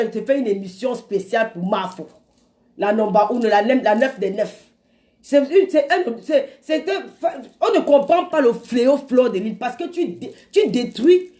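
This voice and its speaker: A woman hosting a comedic live stream, commenting in a lively, emphatic and repetitive way. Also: on the high side.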